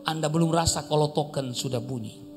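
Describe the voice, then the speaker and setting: A man's voice: fairly high pitch, a little fast, darkish tone, in a large hall, faint music behind. A man preaching at a church service, telling a story with humor and laughing as he goes. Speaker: pastor. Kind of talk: sermon. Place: church service in a rented shop-house hall.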